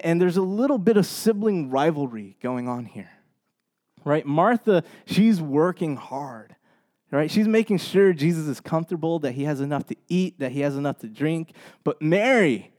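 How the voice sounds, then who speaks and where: A man pastor giving a relaxed, conversational sermon, often checking in with the congregation by asking "right?". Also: a little high. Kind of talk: casual sermon.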